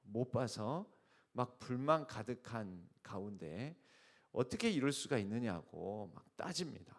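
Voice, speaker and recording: A man's voice: mid-range voice, big pitch swings, a little slow. A male pastor preaching an early-morning sermon, emphatic and explanatory, often putting rhetorical questions to the congregation. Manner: uses spoken fillers and restarts while explaining.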